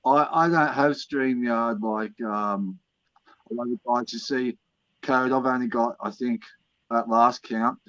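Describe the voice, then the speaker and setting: A man joining a live stream over a bad call connection that breaks up and sounds quiet, talking in a hesitant, halting way with fillers. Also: medium pitch, no room sound. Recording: dull, lo-fi remote call audio.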